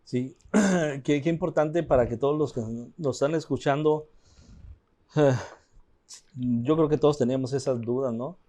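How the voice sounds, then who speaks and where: A man's voice: mid-range voice, unhurried, long pauses, warm tone. A man hosting an interview, hesitant, repeating words and giving brief agreements. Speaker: interviewer host. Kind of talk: interview talk.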